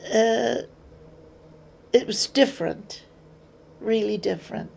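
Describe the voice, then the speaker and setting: This older English woman has a fairly high yet darkish voice, slow and touched with vocal fry. In an interview she recounts memories plainly, with an English accent, performing remembered dialogue as she goes.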